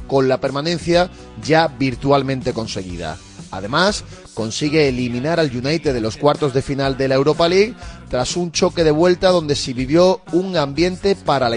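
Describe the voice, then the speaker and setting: A man from reading scripted sports documentary narration. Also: a little high. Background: music bed.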